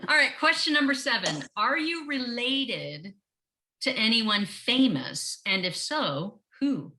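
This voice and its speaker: A woman co-hosting a podcast interview over a video call, bubbly and quick to laugh. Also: fairly high pitch, lively intonation, sharp tone. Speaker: podcast co-host. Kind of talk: casual interview chat.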